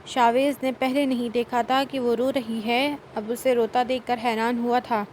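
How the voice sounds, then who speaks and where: A woman narrating a novel as an audiobook reader, in steady storytelling. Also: fairly high pitch, slight background noise, rough recording. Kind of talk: novel reading.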